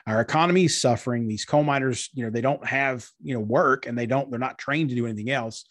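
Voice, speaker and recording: Husky-voiced man explaining. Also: medium pitch, fast, a bit bright, no echo, clean studio sound. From eastern Kentucky, USA. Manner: earnest, explanatory, with frequent fillers. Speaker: guest, marketing strategist. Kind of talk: conversational interview.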